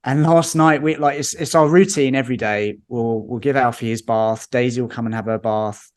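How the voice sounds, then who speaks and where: A man, a podcast guest chatting casually and telling lively anecdotes with chuckles. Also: mid-range voice, moderate pace.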